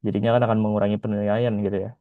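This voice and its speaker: A man teaching as an exam tutor in a relaxed, chatty lesson style, often ending phrases with a casual filler. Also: lowish voice, rapid-fire, dry recording. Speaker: IELTS tutor. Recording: dull lo-fi sound.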